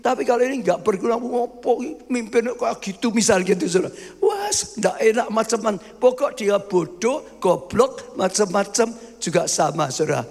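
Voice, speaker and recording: A man's voice: high voice, very animated, normal speed, a little mellow. A man, preaching a sermon as pastor, emphatic and often calling out to the congregation as brothers. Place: church hall. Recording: long hall reverb.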